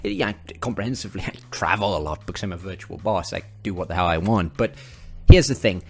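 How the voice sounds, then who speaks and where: Chatty northeast English man pitching. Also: brisk, slight background noise. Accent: northern English, northeast England. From northeast England. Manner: chatty, upbeat, salesy, chuckling asides. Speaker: business owner giving advice. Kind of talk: casual direct-to-camera advice talk.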